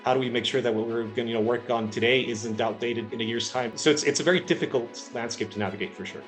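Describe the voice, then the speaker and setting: A man's voice: medium pitch, fast, soft background music. A man from Ecuador in his thirties, a research engineer answering interview questions at length, hesitant and full of filler sounds.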